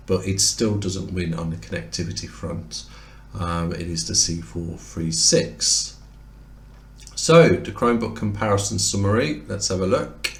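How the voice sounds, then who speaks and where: Low-voiced man reviewing laptops, roomy sound. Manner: explanatory, conversational, occasional self-corrections. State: losing his voice. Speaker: tech reviewer. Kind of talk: product comparison review. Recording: roomy echoey room sound.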